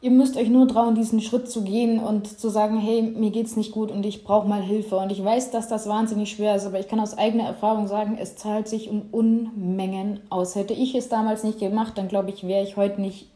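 A woman's voice: medium pitch, little pitch movement, a little fast, few pauses, dark tone. A young woman giving an interview in a casual, earnest and persistent way, drawing on her own experience. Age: young adult. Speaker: interview guest. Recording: roomy echo.

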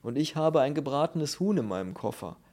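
A man's voice: a little high, lively intonation, a little fast, darkish tone, voice pushed up. A man voicing a small, bald prisoner who complains and whines in a raised, indignant voice. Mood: aggrieved.

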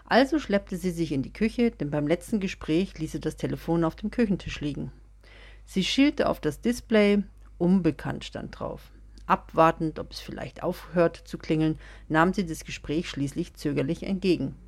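A woman narrating a serialized German audio story in a calm, even reading voice. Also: low-pitched, normal speed. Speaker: podcast storyteller.

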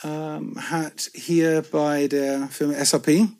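A middle-aged man from southwest England, native English speaker, telling anecdotes in a relaxed podcast chat. His voice sits a little high for a man. He is chatty and pokes fun at himself. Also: slow. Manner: chatty storyteller, self-deprecating humour. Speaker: podcast guest, whisky entrepreneur. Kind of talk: casual chat.

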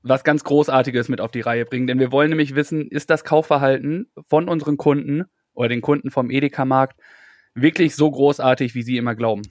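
A man's voice: medium pitch, fairly even intonation, brisk, no room sound, studio quality, natural voice. A man playing a mock-earnest tenant or surveyor in an improvised comic phone role-play, formal, polite and a little hesitant. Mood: officious.

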